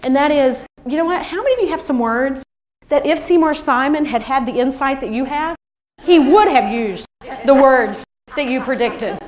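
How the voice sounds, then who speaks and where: A woman leading a teaching workshop for teachers, lively and animated, sometimes putting on children's voices. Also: high voice, moderate pace. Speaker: teacher trainer. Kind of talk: workshop presentation.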